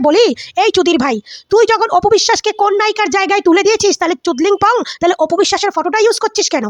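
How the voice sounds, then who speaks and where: A woman's voice: very high-pitched, a bit bright, dry recording. A woman vlogger giving heated celebrity gossip commentary, scolding and insulting with lots of repetition.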